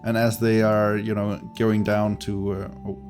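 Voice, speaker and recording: A man's voice: on the low side, completely flat delivery, a little slow, a little mellow, soft background music. A man narrating a tabletop fantasy game as game master, improvising and hesitantly searching for words.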